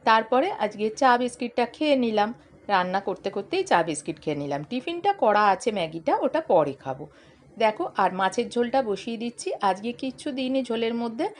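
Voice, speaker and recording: A middle-aged woman with a hoarse, coughing voice, chatting straight to her viewers in a casual daily vlog. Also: mid-range voice. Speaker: vlogger.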